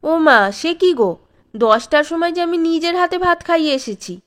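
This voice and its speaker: A woman voicing a sharp-tongued middle-aged mother who scolds her old father-in-law loudly. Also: moderate pace. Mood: scolding. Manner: shrill, loud, scolding.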